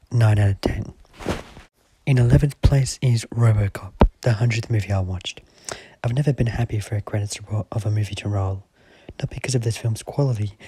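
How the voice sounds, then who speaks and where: A young man narrating a movie countdown in scripted voice-over, with a dry, deadpan delivery that often drops to a half-whisper. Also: lowish voice, slightly rough, low-quality recording. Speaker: movie ranking vlogger.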